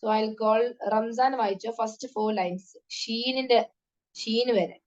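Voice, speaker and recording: Higher-pitched woman teacher drilling syllables. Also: slow, darkish tone, lo-fi sound. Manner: drills syllables one by one, patient and instructive. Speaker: tajweed teacher. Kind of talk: online class for children.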